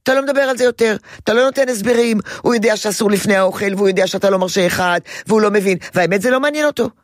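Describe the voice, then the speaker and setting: In a clean studio recording with no echo, a parenting advisor with a medium-pitched voice counsels a caller. She's emphatic and repeats herself, frequently slipping into a child's voice to act out what a kid might say.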